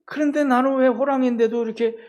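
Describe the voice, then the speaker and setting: A man's voice: very high voice, fairly even intonation, quick pace, a little mellow, voice pushed up. A man voicing a young male tiger cub who keeps asking plaintively whether he is really a tiger, in a sermon story. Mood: whiny doubting. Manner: plaintive repeated questioning.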